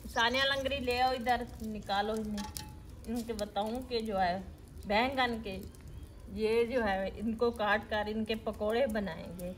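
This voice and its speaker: A middle-aged Pakistani village cooking vlogger explains a recipe step by step as she cooks in an outdoor courtyard with brick walls, giving homely, matter-of-fact instructions with frequent fillers. Her voice is fairly high and steady, unhurried, with slight background noise.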